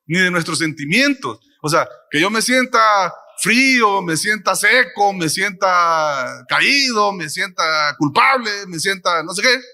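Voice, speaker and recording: A middle-aged man preaching a testimonial sermon, telling his story in an animated way and checking in with the audience. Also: fairly high pitch. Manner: animated storytelling, acts out his own quotes; addresses the audience with frequent ¿verdad?.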